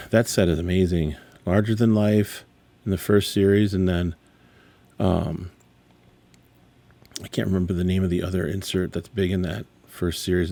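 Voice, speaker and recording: A man's voice: low voice, vocal fry, warm tone. A middle-aged man talking casually, rambling and exasperated, correcting himself often as he reacts to graded sports cards. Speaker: sports card dealer. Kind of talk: casual card grading reveal vlog.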